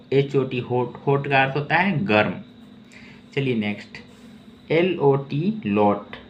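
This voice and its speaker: A man teaching English word reading, who spells each word letter by letter and repeats it. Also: medium pitch. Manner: spells words letter by letter, then repeats them; often says "okay" between explanations. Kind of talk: slow spelling and reading lesson. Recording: dull, lo-fi sound with faint ambient noise.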